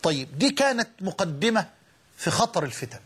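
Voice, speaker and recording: Husky high-voiced Egyptian preacher. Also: male voice, sing-song, brisk, fairly bright tone. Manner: fervent, repeats phrases for emphasis. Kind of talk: sermon.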